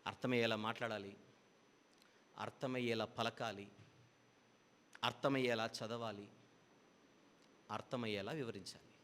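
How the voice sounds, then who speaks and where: A man's voice: lowish voice, steady tone, measured pace, pauses often, a bit bright, in a large hall. A man preaching a Bible teaching sermon, explaining patiently with repeated parallel phrases.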